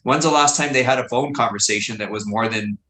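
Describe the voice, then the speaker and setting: A man's voice: mid-range voice, fast, sharp tone, poor audio. A middle-aged man chatting as a podcast guest, a teacher talking in a rambling, reflective way full of fillers. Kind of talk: casual conversation.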